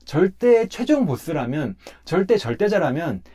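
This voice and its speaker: Man, pastor, casual scripture talk, emphatic, slightly high voice, expressive swooping pitch. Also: unhurried. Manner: animated and emphatic, explaining step by step. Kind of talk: conversational talk about a Bible passage.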